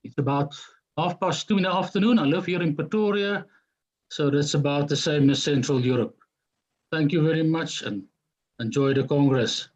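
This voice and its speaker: South african guy, formal intro, bit high voice. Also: normal speed. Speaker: chess federation president. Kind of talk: video call introduction.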